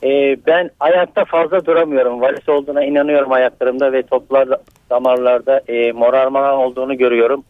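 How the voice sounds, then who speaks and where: Quick-talking man over a landline phone. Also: mid-range voice, steady tone, dry recording. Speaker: caller to a radio health show. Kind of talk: call-in question. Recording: tinny, dry phone line.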